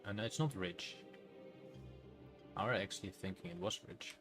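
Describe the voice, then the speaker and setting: A man's voice: on the low side, moderate pace, soft background music. A man from the Netherlands with a Dutch accent, chatting casually and rambling while he streams a game. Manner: relaxed, rambling, self-correcting.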